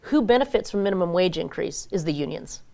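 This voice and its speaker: A woman's voice: lowish voice, lively intonation, fast, vocal fry, warm tone. A woman giving frank, opinionated commentary as a guest in a conversational interview. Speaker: interview guest, small business advocate.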